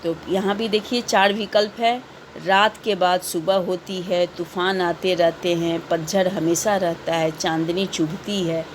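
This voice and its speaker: A woman's voice: on the low side, steady tone, unhurried, slight background noise. A woman teaching a recorded class to children, reading out questions and patiently repeating the answers.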